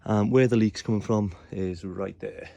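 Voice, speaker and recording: A man chats through each step of a plumbing and wiring job while filming his call-out on a phone, often saying "obviously." His lowish voice is gravelly and dark, with a steady tone and moderate pace. The sound is lo-fi, with a little hiss or hum.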